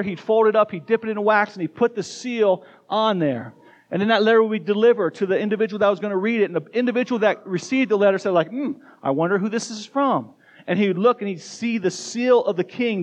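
A man preaching a sermon in a church, talking energetically and speaking straight to the kids and the congregation. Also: sits high. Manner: energetic, addresses kids and congregation directly, quick bursts. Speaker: pastor. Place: church sanctuary.

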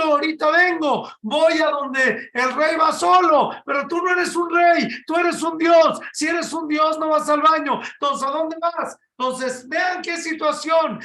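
Man, rabbi, sermon, animated, shouts for emphasis, rhetorical questions, high pitch, echoey room. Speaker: rabbi giving a Torah talk.

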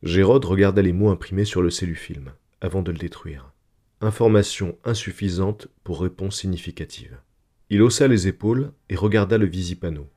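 A man narrating a story in a calm, measured literary reading. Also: deep voice.

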